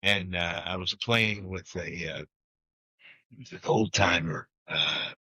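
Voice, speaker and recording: A man's voice: sits low, slow pace, bright, forceful tone, slightly rough, no room sound, highs cut off. A man co-hosting a golf podcast, telling rambling stories in casual chat with frequent restarts. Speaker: podcast co-host.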